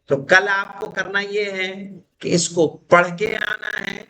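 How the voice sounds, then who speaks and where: A man whose first language is Urdu, teaching an Arabic grammar class, reading Arabic phrases slowly and translating them, with frequent check questions to students. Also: high-pitched, little pitch movement, bright, forceful tone, poor audio. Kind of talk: classroom lesson.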